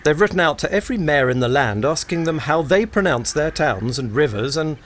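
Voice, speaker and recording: Man, an actor's gossipy 1920s radio colleague, teasing tone, slightly high lively voice. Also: brisk, slight background noise, close to an everyday voice. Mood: informative. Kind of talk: amateur radio play acting.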